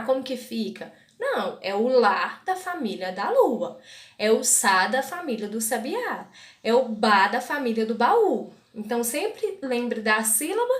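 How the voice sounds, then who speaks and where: A woman's voice: high voice, echoey room. A woman teacher, patiently advising parents and sounding out syllables step by step. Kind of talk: guidance video for parents.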